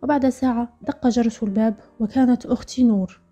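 Fast, husky woman narrating a story. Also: a little high, steady tone, dark tone. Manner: brisk, earnest storytelling. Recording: dull lo-fi audio with faint music. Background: faint music.

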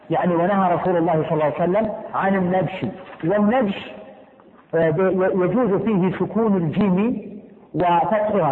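A man teaching a class, explaining step by step, repeating key points and putting questions to his students. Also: sits high. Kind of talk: classroom lesson on law. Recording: echoey room, tinny phone-like sound.

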